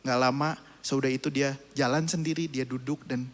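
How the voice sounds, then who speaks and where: A man's voice: mid-range voice, fairly even intonation, a little fast. A man preaching a sermon, telling a family story and acting out the voices in it. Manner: storytelling, acting out his child's and his own voices. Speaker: pastor. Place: church hall. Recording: church hall with long reverb.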